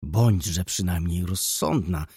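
Man playing an anxious old mother in an audiobook, lamenting and husky. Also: deep voice, slow pace, dark tone, dry recording, clean studio sound, heavily acted. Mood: fretful. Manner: fretful, lamenting. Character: anxious, pious elderly mother.

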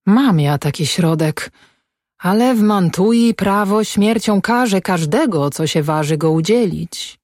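A woman's voice: mid-range voice, expressive, slow pace, a little mellow, no echo, studio quality. A woman reading the part of a poor old male apothecary in a stage play, cautious and reluctant. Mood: wary.

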